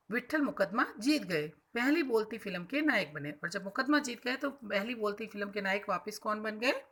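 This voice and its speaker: A woman's voice: mid-range voice, pushed and bright. A woman school teacher explaining a textbook chapter to children, defining hard words simply and repeating herself as she goes.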